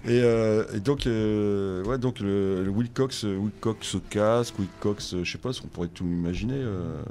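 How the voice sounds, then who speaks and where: A man's voice: on the low side, normal speed, warm tone. A man hosting a casual radio chat, hesitant and full of fillers, in a studio. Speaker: radio host.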